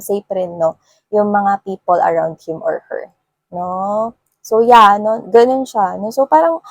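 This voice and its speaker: A woman's voice: medium pitch, darkish tone, no echo. A woman with a Filipino accent giving a casual tarot reading, chatty and full of filler words and tag questions. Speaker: tarot reader.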